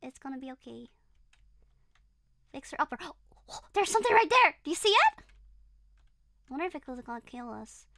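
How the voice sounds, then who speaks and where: High-pitched and very animated, her fairly bright voice moves at a normal speed with vocal fry and long pauses. She is a young woman, not a native English speaker, with a non-native accent, streaming a horror game as a virtual streamer. Over game music she reads chat, talks to viewers, and shrieks and giggles when startled.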